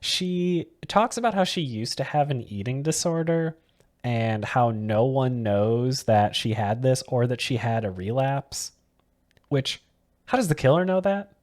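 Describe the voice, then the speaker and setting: A man in relaxed podcast banter, summing up a film scene by scene. He keeps breaking into giggles in the middle of his sentences. He sounds loose and amused throughout. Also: mid-range voice, a little slow. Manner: giggly, laughs often mid-sentence. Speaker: podcast co-host. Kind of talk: casual movie-review chat.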